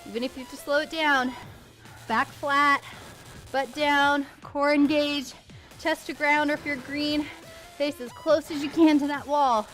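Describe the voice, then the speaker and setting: Slow-paced, high-voiced female aerobics instructor. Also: steady tone, a bit bright, faint music behind. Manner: encouraging. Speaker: fitness instructor. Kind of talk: aerobics instructor giving form cues during a workout. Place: outdoor covered wooden deck by a pond.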